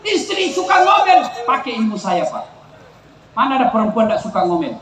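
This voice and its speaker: A man's voice: extremely high pitch, very animated, moderate pace, echoey room, low-quality recording. A man with a Makassar Indonesian accent preaching a humorous sermon to a crowd, telling comic stories and teasing the audience. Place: outdoor town square gathering.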